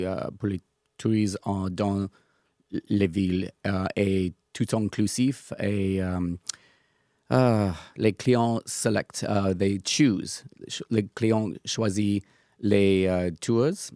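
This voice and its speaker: A middle-aged man, a native English speaker with a foreign English accent in French, answering haltingly as a podcast guest and slipping into English words. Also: fairly low pitch, steady tone, warm tone, dry recording, studio quality. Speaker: guest, river cruise sales representative. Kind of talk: podcast interview, casual explaining.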